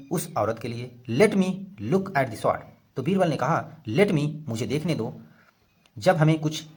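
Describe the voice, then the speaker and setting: A man who teaches English, reading story lines slowly and explaining the grammar word by word in Hindi. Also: mid-range voice, breathy edge.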